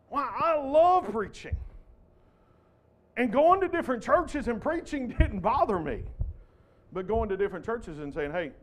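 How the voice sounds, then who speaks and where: A man preaching a sermon as a traveling missionary, folksy and emphatic, with rhetorical questions to the congregation. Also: very high-pitched. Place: church.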